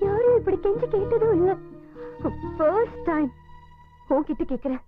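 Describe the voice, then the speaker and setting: A woman's voice: very high voice, animated, normal speed. An actress playing an emotional young woman who scolds and pleads in a film drama. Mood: upset, pleading. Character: young woman torn between two pursuing men. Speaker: film heroine. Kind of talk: Tamil film drama acting. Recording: tinny lo-fi film audio with music. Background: film score music.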